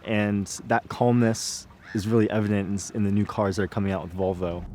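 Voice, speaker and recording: A man's voice: lowish voice, flat delivery, a little fast, darkish tone, a little hiss or hum. A man on a travel series reflecting casually on his experiences, hesitant and searching for words. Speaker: guest explorer on a travel series.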